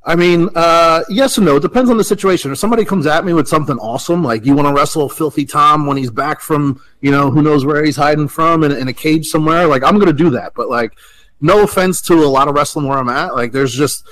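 A man in his late thirties, a professional wrestler, talking in a relaxed, chatty way as an interview guest. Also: on the high side, fast talker, rough recording. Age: 30s. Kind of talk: casual interview talk.

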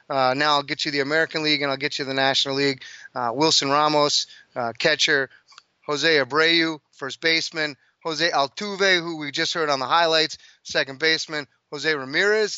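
A man's voice: a little high, bright, forceful tone, clean tone, dry recording, muffled recording. A man hosting casual sports talk radio in an emphatic, slangy way, on a close studio mic.

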